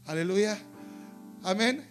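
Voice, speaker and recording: A man's voice: sits high, lively intonation, slow pace, faint music behind. A middle-aged male pastor preaching a sermon in a church, telling stories and acting out quotes. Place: church sanctuary.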